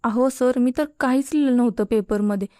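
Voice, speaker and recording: A woman's voice: a little high, a little fast, warm tone, no echo, studio quality, close to an everyday voice. Cheeky young college guy, as a woman reads him. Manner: teasing, flippant. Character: cheeky joking young male college student.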